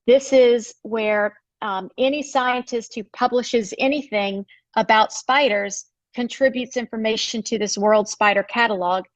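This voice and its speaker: A woman's voice: on the high side, fairly even intonation, unhurried, hardly any pauses, dry recording. A female biology professor, giving a recorded slide lecture in a conversational, explanatory way with frequent fillers. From United States.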